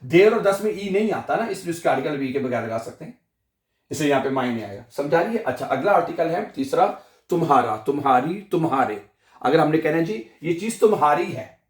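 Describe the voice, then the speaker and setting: Lively Pakistani Urdu-accented man teaching. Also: on the high side. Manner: repeats forms and asks the listener to echo them. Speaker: German language teacher. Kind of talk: explaining grammar in a lesson.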